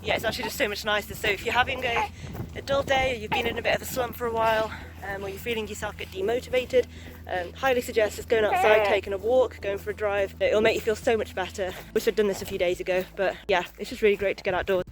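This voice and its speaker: A woman's voice: mid-range voice, steady tone, fast talker, hardly any pauses, poor audio. A young adult woman chatting candidly and in a rambling way for a casual vlog while out walking outdoors. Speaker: vlogger, new mother. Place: outdoors on a walk.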